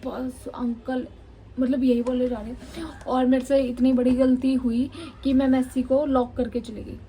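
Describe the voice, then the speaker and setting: A woman's voice: high voice, level tone, unhurried, dark tone, a little hiss or hum, rough recording. A woman vlogger from Chandigarh, India, retelling a run-in in an indignant, emphatic storytime style. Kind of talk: storytime vlog.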